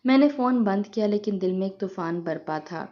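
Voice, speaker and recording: A woman's voice: mid-range voice, lively intonation. A woman narrating an emotional moral story in the first person, earnest and heartfelt, in a dull lo-fi recording.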